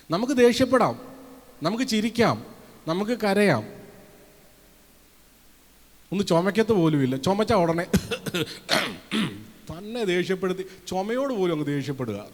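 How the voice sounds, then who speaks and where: A man from Kerala preaches in a fairly high voice, lively and full of questions thrown out to the congregation. He acts out the voices he quotes as he goes. The sound rings with a long reverb from a church hall. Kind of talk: sermon.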